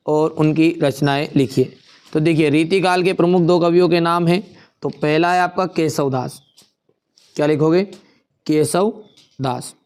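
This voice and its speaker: Clear-voiced teacher. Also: male voice, a little high, darkish tone. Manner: repeats key answers slowly as if dictating. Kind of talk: exam paper walkthrough.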